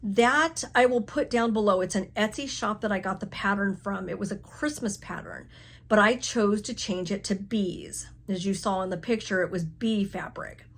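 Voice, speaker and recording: A woman's voice: medium pitch, moderate pace. A middle-aged woman hosting a crafting vlog from her home craft room, telling a story in a chatty, self-mocking way and laughing often. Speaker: crafting channel host.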